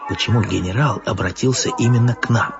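A weary, gloomy foreman, as a male narrator puts him on, mumbles quietly and sighs through his lines. Music plays under muffled audio. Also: a little fast, vocal fry. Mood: glum. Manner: mumbling, glum, low.

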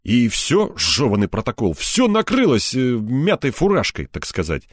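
A man's voice: mid-range voice, wildly swooping pitch, normal speed, no echo, clean studio sound, voice pushed up. A man doing a flustered, fawning police colonel. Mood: nervous, fawning. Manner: flustered, eager to please, loud. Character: nervous fawning middle-aged male police colonel.

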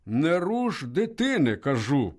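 A man's voice: fairly high pitch, sing-song, slow, a little mellow, exaggerated voice. A man playing a defiant legless cobbler. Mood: commanding. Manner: firm, commanding, dryly mocking.

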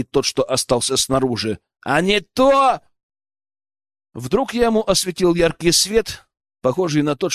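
A man's voice: a little high, dry recording, clean studio sound. A man reading a first-person action audiobook with dramatic delivery. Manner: dramatic, growling on the hero's lines. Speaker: audiobook narrator.

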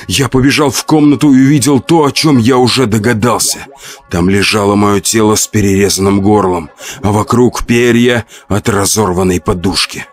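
A man reading a first-person horror story aloud, expressive and dramatic. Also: on the low side, normal speed. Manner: expressive, acts out shouts and laments. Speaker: audiobook narrator.

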